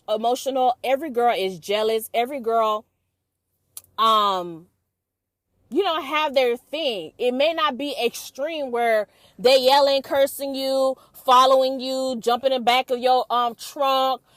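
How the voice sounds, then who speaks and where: A young woman talks straight to camera in a loose, chatty vlog monologue, blunt and full of swearing. Her voice sits a bit high for a woman. The sound is dry and close, with no room around it. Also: a bit bright, no room sound. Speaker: vlog host. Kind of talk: casual opinion monologue to camera.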